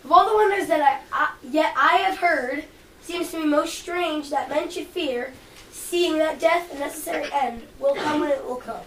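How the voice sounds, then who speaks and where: A woman's voice: high voice, moderate pace, pauses often, a bit bright. A woman playing a proud, defiant Roman ruler, declaiming verse in an amateur stage performance. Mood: resigned. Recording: echoey room, distant mic, background noise.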